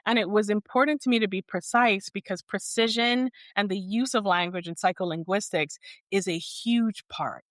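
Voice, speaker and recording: In a reflective, conversational podcast interview, a therapist from Barbados in her thirties talks at normal speed in a mid-range, fairly bright voice. She comes across as thoughtful and well-spoken, though she says "like" often. The audio is clean studio sound with no room ambience.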